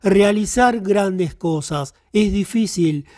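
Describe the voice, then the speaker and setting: A man voicing a stern, voiceless spirit of the silent hour in an audiobook, speaking slowly and solemnly. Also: high-pitched, a little mellow, dry recording, clean studio sound. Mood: stern, admonishing.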